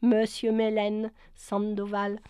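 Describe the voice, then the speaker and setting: A woman's voice: medium pitch, monotone, slow, darkish tone, clear, resonant tone, no echo, clean studio sound, close to an everyday voice. A woman reading the part of a young male spaceship commander in a storybook, speaking curtly and with authority. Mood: stern. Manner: curt, commanding.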